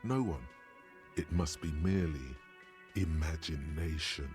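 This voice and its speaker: An actor voicing a wry omniscient narrator in a video game, dry and measured. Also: male voice, a bass voice, darkish tone, soft background music.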